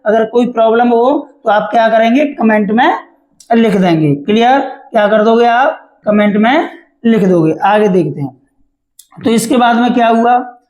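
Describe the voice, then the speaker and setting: Teacher in an echoey room, asking and answering himself. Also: male voice, extremely high pitch, a little slow, darkish tone. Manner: repeats questions to the class and answers them himself. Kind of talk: explaining a textbook chapter.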